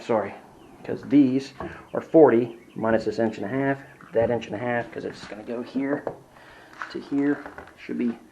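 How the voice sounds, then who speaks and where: This young woodworking vlogger has a medium-pitched, darkish voice, recorded lo-fi on a handheld camera with slight background noise. Building in a hot workshop, he chats casually while out of breath, rambling, mocking himself, and swearing in frustration.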